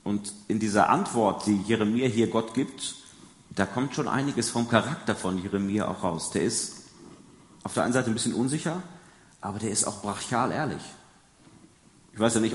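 A man preaching a sermon in a conversational way, asking the congregation questions and dropping to soft, quiet emphasis on key words. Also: fairly low pitch. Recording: echoey hall with long reverb.

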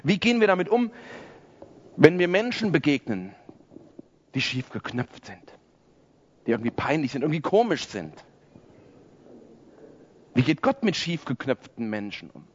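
A man's voice: fairly high pitch, sing-song, normal speed, long pauses, dull audio, slight background noise. A man in his forties preaching a sermon to a congregation, conversational and self-deprecating. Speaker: pastor. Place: church service before a congregation.

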